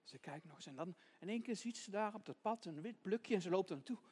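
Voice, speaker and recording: High-voiced man telling a children's story. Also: expressive, quick pace, a little mellow, slightly rough. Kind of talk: children's Bible story narration.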